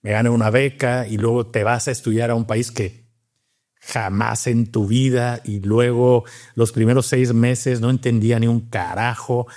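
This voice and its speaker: A man's voice: mid-range voice, flat delivery, moderate pace, a little mellow. A man from Cuba, a doctor and scientist, telling his story in a casual interview, thoughtful and full of restarts. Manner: reflective, with many fillers and restarts.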